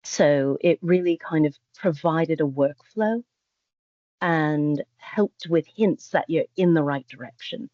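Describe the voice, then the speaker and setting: A low-voiced woman talks through puzzle solutions slowly and analytically on a video call. Her voice sounds dry and close. The audio is dull and lo-fi. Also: warm tone, no room sound. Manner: measured and analytical. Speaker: session participant.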